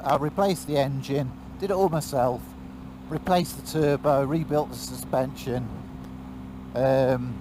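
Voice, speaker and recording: A man with a New Zealand accent and a fairly high voice talks in relaxed, teasing banter. He is recorded out on a motorbike, with light vehicle noise behind him. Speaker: motorbike travel vlogger, rider. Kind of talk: casual chat. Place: outdoors on a moving motorbike. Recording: noisy vehicle ride, motorbike helmet audio. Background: engine and road noise.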